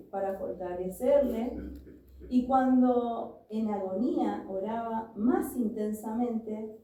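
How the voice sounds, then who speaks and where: A woman's voice: a little high, warm tone. A woman preaching a sermon, earnestly telling a personal story and reading scripture. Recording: echoey room, voice from a distance.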